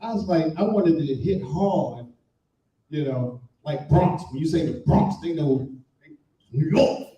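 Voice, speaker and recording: Stand-up comic in an echoey room. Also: male voice, a little high, slow, dark tone, recorded from a distance. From Washington, D.C. area. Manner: storytelling, acts out voices, sings briefly. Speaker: stand-up comedian. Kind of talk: stand-up comedy set. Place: live comedy show in a room.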